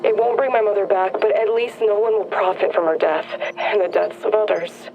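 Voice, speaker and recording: A woman's voice: medium pitch, fairly even intonation, fairly quick, vocal fry, highs cut off, background noise, close to an everyday voice. An actress playing a grave, resolute, bereaved woman in a video game, with music behind her. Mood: urgent, grave. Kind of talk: video game dialogue acting.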